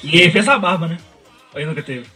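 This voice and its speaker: A man in casual podcast banter, quick and teasing, cracking jokes at his friends. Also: a little high, bright, forceful tone, faint music behind. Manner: fast, teasing, jokey. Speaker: podcast co-host. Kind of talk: casual chat.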